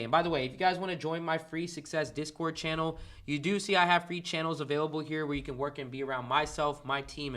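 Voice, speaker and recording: A dropshipping coach from Kansas City, Missouri, hosts a casual livestream and greets chat viewers by name. His voice is fairly high, bright and forceful.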